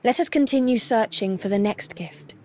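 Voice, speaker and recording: A woman playing a stoic, duty-bound valkyrie goddess in a video game, speaking formally and with measured detachment. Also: mid-range voice, lively intonation, darkish tone, natural voice. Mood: solemn, detached. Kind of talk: video game cutscene acting.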